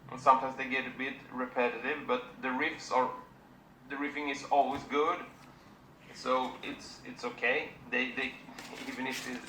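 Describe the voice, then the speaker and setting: Bright-voiced man reviewing records. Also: medium pitch, reverberant, slight background noise, low-quality recording. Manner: plain, unhurried, with many fillers and restarts. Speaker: music reviewer.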